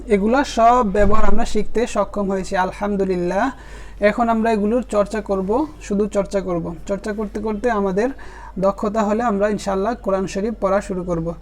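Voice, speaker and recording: A man teaching Quran reading in a recorded tutorial, patiently spelling out letters and repeating each syllable twice. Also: sits high. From Bangladesh. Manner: gently encouraging to viewers.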